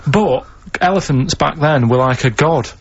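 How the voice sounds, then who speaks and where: A man, a radio show regular telling a rambling story in a flat, plain-spoken way, recorded in a radio studio. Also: a little high, measured pace, creaky, husky. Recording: dull radio broadcast sound.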